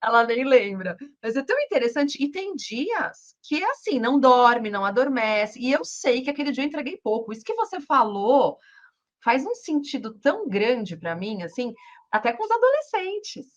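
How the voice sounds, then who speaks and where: Woman, Brazilian Portuguese accent, 40s, podcast host, lively storyteller, higher voice, dull lo-fi recording. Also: normal speed. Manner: animated storytelling, acts out quotes. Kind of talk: casual conversational interview. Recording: dull lo-fi sound.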